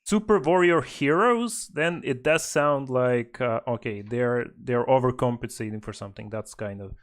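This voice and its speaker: Podcast co-host, man, mid-pitched, rambling and hesitant, lots of fillers and laughs. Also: normal speed. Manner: laughs often, animated when mimicking quotes. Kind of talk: casual chat.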